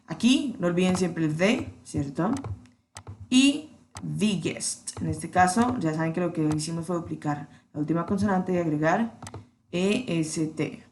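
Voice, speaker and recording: A woman teaching an English grammar lesson, patiently checking in with her students and slowing down to spell out the examples. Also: on the low side, darkish tone, a little hiss or hum. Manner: patient, checks in with "¿cierto?" often.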